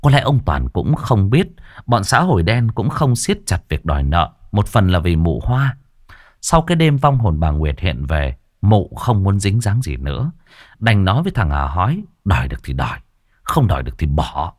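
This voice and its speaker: Deep-voiced man narrating a ghost story. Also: sing-song, moderate pace, dry recording, studio quality. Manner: dramatic, suspenseful storytelling.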